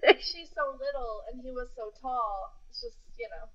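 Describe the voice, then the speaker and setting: A woman co-hosting a podcast in casual chat, blunt and quick to swear, laughing often. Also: fairly high pitch, dull audio, a crowd in the background. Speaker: podcast co-host.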